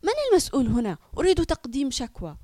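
Protective mother, reassuring, natural pitch; the narrator reads her. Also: expressive, fast, dry recording, clean studio sound, close to an everyday voice. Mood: angry. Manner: warm and reassuring. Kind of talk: children's audio story.

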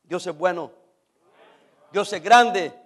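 A male pastor delivers an animated sermon, swinging from shouts down to near-whispers and acting out his church members' complaints. His voice is high-pitched and his pace slow.

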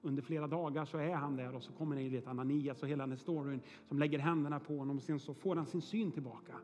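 The pastor's voice is a little high, steady and darkish, with a long reverb tail and soft music in the background. Preaching in a church hall, he tells stories conversationally, filling with "eh" and often checking in through "är ni med?".

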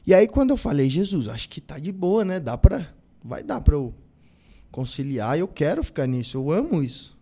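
A man's voice: on the high side, sing-song, normal speed, warm tone, slightly rough. A young Brazilian man, a guest, telling a personal faith story and acting out the dialogue as he goes. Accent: Brazilian Portuguese.

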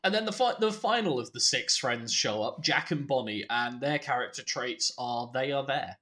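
A man's voice: mid-range voice, animated, normal speed, sharp tone. A man co-hosting a casual film podcast, recapping the plot with laughs and the odd swear. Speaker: podcast co-host. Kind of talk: casual film review chat.

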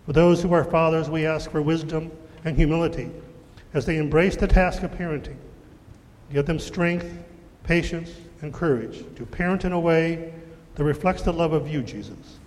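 A man leading the prayers of the church in a measured, solemn way, his voice ringing with a long echo in a large church. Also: fairly high pitch, darkish tone. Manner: measured, solemn liturgical reading. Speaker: worship leader. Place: church sanctuary.

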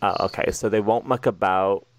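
A man's voice: fairly low pitch, steady tone, normal speed, no echo. An American man hosting a casual interview, asking playful, teasing questions and laughing often. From United States. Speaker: podcast host.

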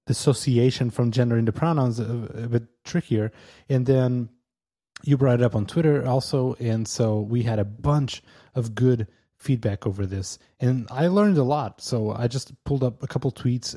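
In a casual podcast conversation, a Portuguese-speaking co-host talks in a medium-pitched, mellow voice. He is hesitant and halting, full of fillers, and often chuckles.

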